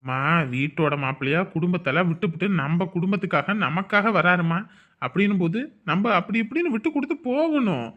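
A woman's voice: on the low side, expressive, fast, highs cut off. A woman voicing a bickering middle-aged village husband and father who teases and scolds by turns. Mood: coaxing. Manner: teasing, then scolding in bursts.

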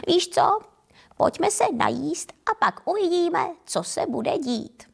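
A woman's voice: very high-pitched, sing-song, creaky, pitched above the performer's own voice, heavily acted. A woman voicing a haughty grown female house cat who mocks a kitten. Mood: scheming. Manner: haughty, mocking.

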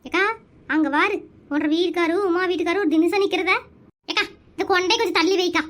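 A woman voicing a shrill, nagging village housewife in a cartoon. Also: fairly even intonation, fairly bright tone. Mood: scolding. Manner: shrill, nagging, quick to scold. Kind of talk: animated cartoon dialogue.

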